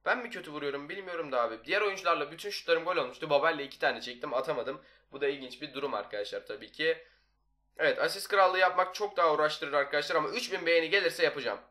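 His voice is a little high, pushed and bright as he rattles along rapid-fire. He's a young adult YouTuber giving chatty, never-ending gameplay commentary into a desktop microphone.

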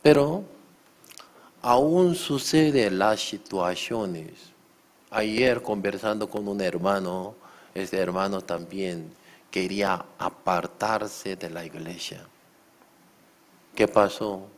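Slow, low-voiced pastor preaching. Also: male voice. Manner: acts out shouting quotes, asks the congregation questions. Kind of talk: sermon.

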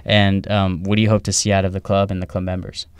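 A young man hosting a relaxed podcast chat, laid-back and agreeable, often saying "man" and "you know", on a close studio mic. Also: deep voice, fast talker, clear, resonant tone. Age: young adult. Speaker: podcast host. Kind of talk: casual chat. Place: small indoor studio. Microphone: large studio mic on boom, headphones.

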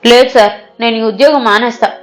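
A woman's voice: fairly high pitch, fairly even intonation, a little fast, faint music behind, close to an everyday voice. A woman voicing a hurt, tearful young male hotel cleaner with a weepy, pleading way of talking.

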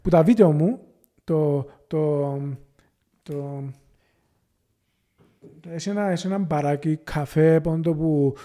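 High-voiced Cypriot man, mellow tone. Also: long pauses. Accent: Cypriot Greek. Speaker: guest. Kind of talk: casual podcast conversation.

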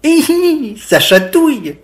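A reader voicing an excitable little girl goat in a children's storybook, talking high and giggly. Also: a little slow. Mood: excited.

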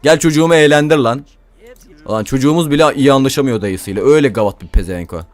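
A man's voice: medium pitch, fast talker. A young man giving casual, crude, joking commentary while playing a game, talking to viewers and to the characters. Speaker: gameplay commentator.

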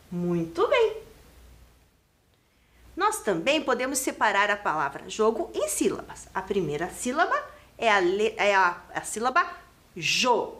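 A woman's voice: high-pitched, fairly bright tone. A woman teaching young children on an educational TV lesson, asking questions and guiding them step by step. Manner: slow, sing-song, questioning children at home. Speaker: primary school teacher. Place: TV studio classroom.

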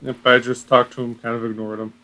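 A man's voice: medium pitch, flat delivery, fast talker, bright, forceful tone. A man with a slightly stuffy voice, trading sarcastic, swearing quips in casual co-op game chat. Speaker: gamer.

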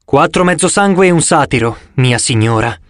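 A man's voice: a little high, lively intonation, normal speed, fairly bright tone, no room sound. A commanding teenage huntress girl who speaks in clipped, firm orders, as a male narrator puts her on. The voice stays in a slightly raised register for a man, close and dry. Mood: cool. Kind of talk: audiobook character voice.

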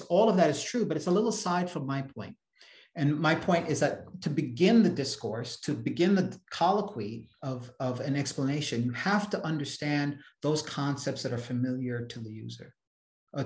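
A man's voice: fairly high pitch, normal speed, a little mellow. A man answering a question at an academic seminar over a video call, emphatic and often repeating words as he starts a sentence. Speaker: seminar speaker. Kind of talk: academic Q&A discussion. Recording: echoey room on a video call.

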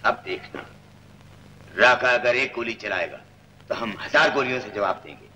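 A man's voice: medium pitch, moderate pace, sharp tone, big-room sound, a little hiss or hum. An actor playing a stern, commanding male police superintendent in a 1960s film.

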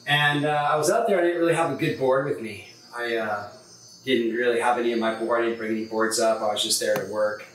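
Talking a little fast in a slightly bright, mid-range voice, this man shapes surfboards in San Diego, California, and is middle-aged. He rambles casually through a board review in his workshop, full of fillers and restarts, captured by a distant camera mic in an echoey room with faint noise.

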